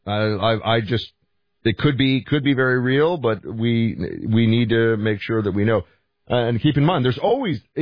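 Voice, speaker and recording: An American man hosting a talk radio show, thinking aloud in halting commentary, his throat hoarse and scratchy from talking late. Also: lowish voice. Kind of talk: conversational political commentary with listener calls. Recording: roomy echo, slightly dull audio.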